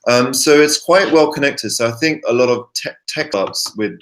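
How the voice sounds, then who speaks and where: A man talking in a casual chat, halting and repeating his words as he goes. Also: medium pitch, fairly bright tone. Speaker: host.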